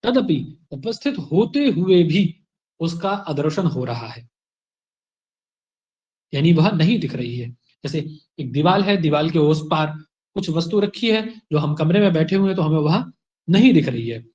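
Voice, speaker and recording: High-voiced man teaching grammar online. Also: expressive, unhurried, a little mellow, highs cut off. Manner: explanatory, asks and answers his own questions. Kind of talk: online exam-prep lecture.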